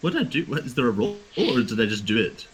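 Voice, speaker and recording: A man's voice: medium pitch, very animated, fast talker, slight background noise. A man playing a tabletop game over a voice call, hesitant and thinking aloud, while his mic cuts out and his volume jumps up and down. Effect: mic cutting out, uneven volume. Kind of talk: casual online game chat. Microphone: home mic on a voice call.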